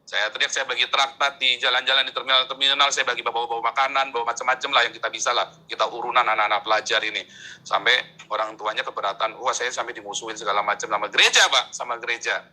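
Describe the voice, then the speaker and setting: A man from Indonesia telling his story in an interview, animated, his voice leaping high when excited, often addressing the listener as "Pak". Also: fast, low-quality recording. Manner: peppers speech with "Pak".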